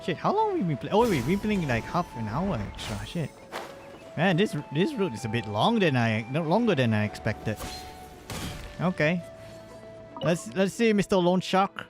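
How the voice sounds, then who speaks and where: A man's voice: a little high, huge pitch swings, normal speed, music in the background. Stammering, joking male streamer. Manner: rambling, stammering, swearing, jokey. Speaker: VTuber streamer. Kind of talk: casual gaming live stream commentary.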